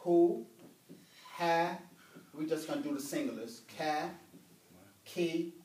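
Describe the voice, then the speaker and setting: A man's voice: a little high, slow pace, darkish tone. A man teaching Arabic grammar to a small class, patient and explaining with everyday examples. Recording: echoey room, mic far off.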